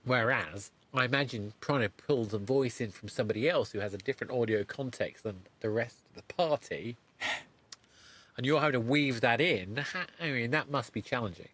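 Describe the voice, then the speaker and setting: With a mid-range, slightly bright voice, a middle-aged man runs a podcast interview in a halting, chatty manner. He repeatedly cuts himself off and revises his words.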